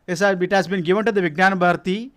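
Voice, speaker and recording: A man speaking English with a Kannada Indian accent, giving an informal presentation in a halting, self-correcting, repetitive way. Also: sits high, steady tone, a bit bright. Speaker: science organisation representative presenting its activities.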